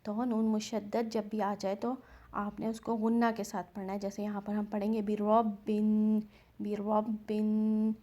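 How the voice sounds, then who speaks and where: A woman's voice: medium pitch, monotone, warm tone. Patient woman teaching Quran recitation rules. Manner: patient, explains each rule and repeats the drawn-out chanted example words. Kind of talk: step-by-step recitation lesson.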